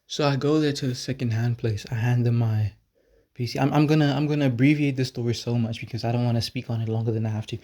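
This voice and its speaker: A man recounting a story to his viewers in a loose, rambling way. His voice is mellow and dark, with a flat, even pitch. He stumbles over repeated words and swears offhandedly. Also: fast talker. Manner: irreverent, swears casually. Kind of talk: casual storytelling vlog.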